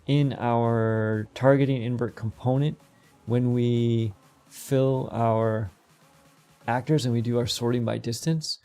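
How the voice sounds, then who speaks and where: Middle-aged guy rambling through a dev tutorial, gravelly voice, faint music under it. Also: medium pitch, dark tone. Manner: rambling, quick, self-interrupting. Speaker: game development tutor. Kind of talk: casual screen-recorded tutorial.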